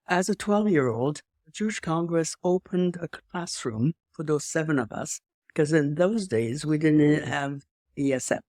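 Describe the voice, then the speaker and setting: Recorded dry and at studio quality, this low, slightly mellow voice belongs to a woman in her eighties from Europe. With a slight French accent, she rambles through her life story in an interview, restarting and adding emphatic asides.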